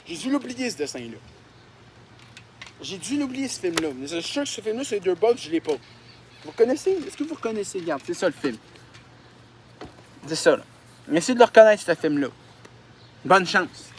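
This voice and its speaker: A young Québécois man with a high-pitched voice riffs on his own childhood drawings in a casual vlog. He mocks himself and swears freely, and there is a faint hum behind him. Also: big pitch swings, moderate pace, pauses often. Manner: mocking, self-deprecating, swears often. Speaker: YouTuber.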